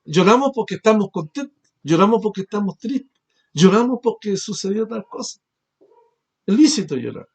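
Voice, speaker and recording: Male pastor with a high voice, preaching with rhetorical questions and shifting force. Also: sing-song, normal speed, a little mellow, breathy edge. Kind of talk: sermon.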